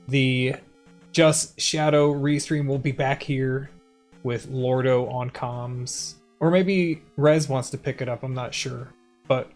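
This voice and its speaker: A man hosting a live race restream, chatting casually and laughing easily. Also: medium pitch. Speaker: restream host. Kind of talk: casual race commentary chat.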